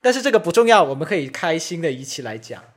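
A podcast co-host with a very animated voice whose pitch rises and falls a lot. He chats casually, calls himself by his own name and laughs his way through anecdotes. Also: fast. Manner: refers to himself by name, laughs while telling stories. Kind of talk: casual chat.

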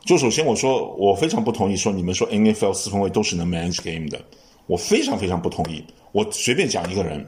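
Man, podcast host, casual sports chat, animated pitch, long explanations, frequent restarts. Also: quick pace.

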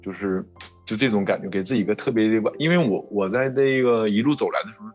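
Low-voiced man, halting and heartfelt. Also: soft background music. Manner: soft-spoken, halting, heartfelt. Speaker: story guest. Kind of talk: personal storytelling.

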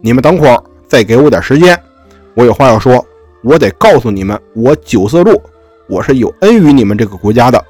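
A man voicing a noble male deer in a storytelling podcast, speaking earnestly and pleading, with a husky voice. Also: medium pitch, animated, fairly quick, a little mellow, dry recording, faint music behind. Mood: urgent.

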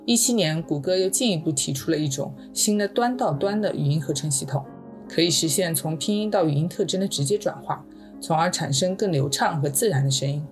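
A woman's voice: sits low, a little fast, faint music behind. A woman hosting a narrated podcast, speaking in a reflective, conversational way. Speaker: podcast host. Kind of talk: narrated podcast with scripted segments.

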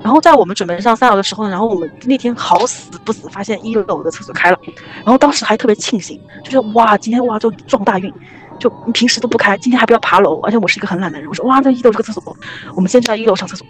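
Young woman, very fast speech, rambling, animated, casual ghost story. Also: medium pitch, soft background music. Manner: rambling, animated, many restarts. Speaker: podcast guest storyteller.

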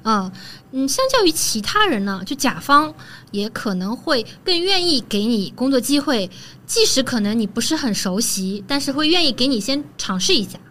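A woman talking as a guest in a casual podcast conversation, relaxed and chatty, often ending phrases with soft particles. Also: high-pitched, normal speed, a little hiss or hum.

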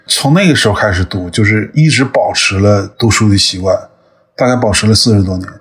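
A man's voice: on the low side, brisk, fairly bright tone, husky. A man in his fifties from northeast China, a podcast guest talking thoughtfully with frequent hesitations. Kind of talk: conversational interview.

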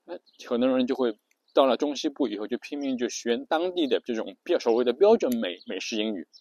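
A man's voice: mid-range voice, animated, fast, a little mellow, dry recording, muffled recording. A man giving a casual spoken lesson, chatty and full of fillers, often stopping to ask his listeners a question.

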